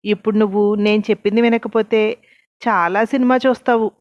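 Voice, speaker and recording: A woman voicing a scheming woman boss in a storybook reading, with a calm, taunting manner. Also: medium pitch, a little fast, lo-fi sound, lightly acted.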